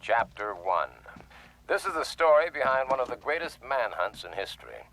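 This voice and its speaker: A gravelly, grim reporter narrating. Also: male voice, mid-range voice, very animated, moderate pace, a bit bright, slight background noise, poor audio. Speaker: film narrator. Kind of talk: scripted film narration.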